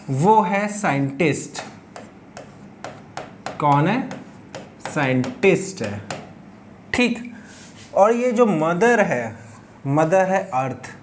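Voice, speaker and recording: A man's voice: sits high, slight background noise. A male physics teacher telling a classroom story, often checking in with his students and asking and answering his own questions. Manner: storytelling with frequent check-ins like "ठीक है". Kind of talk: classroom lecture explaining by story.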